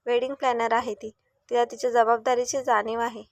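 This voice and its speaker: An easygoing young man in a storybook tale, as a woman reads him, calmly reassuring his mother. The voice stays soft and even. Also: fairly high pitch, a little fast, no room sound, highs cut off, natural voice. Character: young man, calm grown son.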